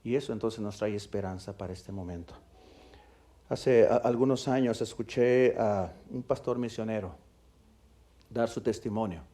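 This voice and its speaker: A male pastor preaching a sermon. He tells a story, swinging between loud, emphatic peaks and soft, hushed passages. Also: lowish voice, moderate pace.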